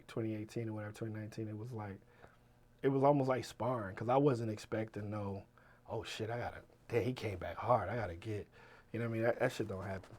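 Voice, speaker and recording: A man in his forties telling a story as an interview guest, profane and swinging from loud bursts to low mutters. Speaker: rapper guest. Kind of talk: animated storytelling.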